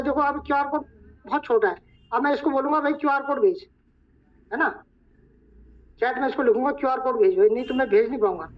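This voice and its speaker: A hoarse man acting as trainer, talking viewers through a screen-share tutorial step by step. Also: very high voice. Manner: talks viewers through each step, repeating "look". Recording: dull lo-fi recording.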